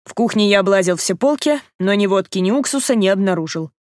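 A woman narrates an audiobook from a script, reading in an even, measured way. Her voice is medium-pitched, and the studio-quality recording has no room sound.

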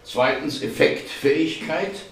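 A man's voice: on the high side, slow pace, gravelly, fairly bright tone, slight background noise, pitched above the performer's own voice, exaggerated voice. A man reading aloud and voicing a sarcastic, indignant male office scholar who mocks bureaucratic jargon, his voice raised in exasperated bursts. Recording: echoey hall, voice far from mic.

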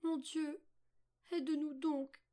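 A gentle, clever little girl from a storybook, voiced by a woman narrator. Her voice sits well above the reader's own and stays soft and earnest. She sounds pleading and sincere. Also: sits high, normal speed, pitched above the performer's own voice, lightly acted.

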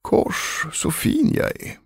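A man's voice: lowish voice, big pitch swings, gravelly, a little mellow, breathy edge, no room sound, clean studio sound, full character voice. A man voicing a vain, cowardly young servant in a spoken ghost story. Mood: preening. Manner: preening, then trembling.

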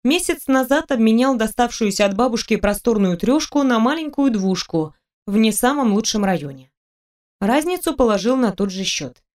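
A woman's voice: a little high, animated, normal speed, darkish tone. Woman narrating an audiobook. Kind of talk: scripted narration.

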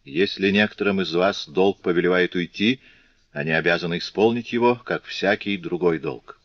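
A man's voice: low-pitched, moderate pace, dry recording. A man voicing a stern, commanding male revolutionary leader, firm and authoritative, in a dull, lo-fi recording.

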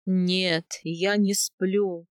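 A woman's voice: medium pitch, unhurried, no echo, clean studio sound, close to an everyday voice. Woman voicing a brooding young steppe husband. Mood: intense.

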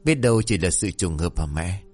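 A man's voice: deep voice, expressive, normal speed, a little mellow, soft background music. A man voicing a cheeky, spoiled teenage daughter who teases her mother in a folk tale. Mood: teasing. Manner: teasing, sassy.

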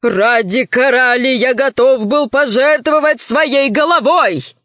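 A woman's voice: sits high, slow pace, fairly bright tone, no echo, highs cut off. A woman voicing a cowardly, shifty male alien who talks in a flustered, pleading way. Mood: indignant.

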